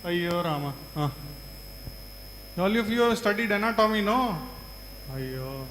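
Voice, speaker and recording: A man's voice: high-pitched, expressive, a little slow, a bit bright. A man with a South Indian accent teaching a large class, repeating answers and prompting students with short questions. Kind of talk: interactive classroom lecture to a large group. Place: large hall. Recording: echoey hall, reverberant, faint hum.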